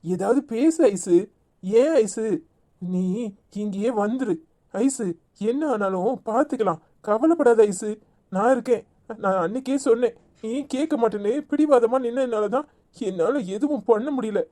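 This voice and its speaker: Here is a woman voicing a worried young husband in a cartoon with a Tirunelveli accent. The voice is mellow, a touch high, and coaxing. He keeps pleading softly and patiently. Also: unhurried, close to an everyday voice. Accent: Tirunelveli Tamil.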